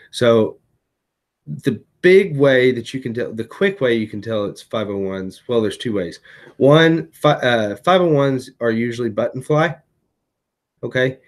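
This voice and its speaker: A tired man hosting a casual vlog, chatting through items he resold, with lots of fillers and restarts. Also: medium pitch. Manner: chatty, many fillers and self-corrections. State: tired, hiccuping late at night. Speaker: eBay reseller vlogger.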